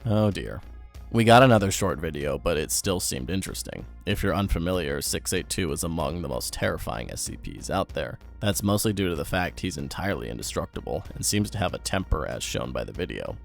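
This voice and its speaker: A man's voice: sits low, lively intonation, brisk, vocal fry, soft background music. A young man giving wry, sarcastic commentary on horror videos.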